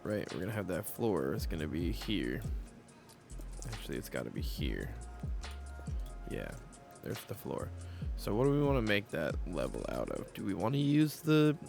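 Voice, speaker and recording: Low gravelly guy with a drawl. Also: big pitch swings, normal speed. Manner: rambling, thinks aloud, repeats things to himself. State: hiccuping and burping. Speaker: Minecraft builder narrating his build. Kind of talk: casual gameplay commentary. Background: soft background music.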